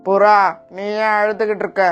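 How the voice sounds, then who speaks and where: Calm, caring cartoon bird voiced by a woman, smooth even tone. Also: medium pitch, moderate pace, highs cut off, lightly acted. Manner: calm, reasoning. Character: sensible caring bird friend Kalu. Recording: faint music behind.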